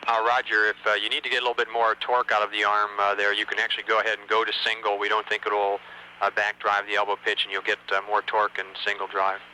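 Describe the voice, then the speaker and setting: Sharp, fast, flat-toned male radio voice. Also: fairly low pitch, low-quality recording. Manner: procedural, matter-of-fact. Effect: radio transmission. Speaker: mission control communicator. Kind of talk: radio communication, technical recommendations. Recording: sharp radio link with faint noise.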